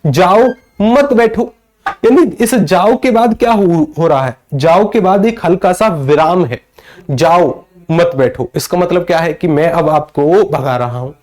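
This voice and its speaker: Male teacher from northern India, high voice, live online class, repeats points and answers his own questions. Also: moderate pace, a little mellow. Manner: greets and answers viewers by name. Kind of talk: live online grammar lecture.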